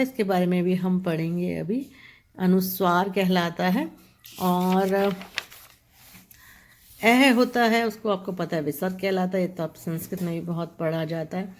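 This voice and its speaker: Slow, patient woman teaching grammar. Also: lowish voice, a little mellow. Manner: slow, repeats terms, checks with "ठीक है"; spells out letters one by one, writes as she explains. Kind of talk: classroom grammar lesson.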